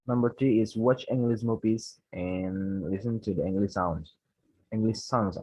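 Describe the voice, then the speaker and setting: A young man from Indonesia with an Indonesian accent, a student giving a class presentation, reading prepared points haltingly and correcting himself. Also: on the low side, warm tone, no echo, low-quality recording. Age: young adult.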